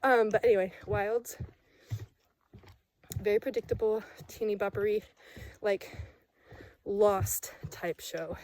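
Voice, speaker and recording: A woman's voice: mid-range voice, fairly even intonation, slow pace, pauses often, a little mellow, no room sound. A young woman vlogger chatting casually while walking a forest trail, rambling with self-mocking asides. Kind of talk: casual chat while hiking.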